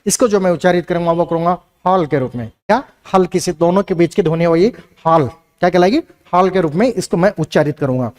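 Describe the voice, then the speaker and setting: A man's voice: sits high, lively intonation, fast talker, hardly any pauses, darkish tone. A man teaching a Hindi language lesson, who asks questions and answers them himself and repeats key lines. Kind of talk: classroom lecture.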